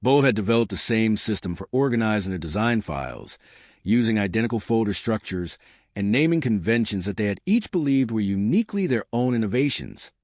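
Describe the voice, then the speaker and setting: Man narrating a story, low pitch, lively intonation, dry close sound. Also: dry recording. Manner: measured storytelling. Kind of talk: scripted narration.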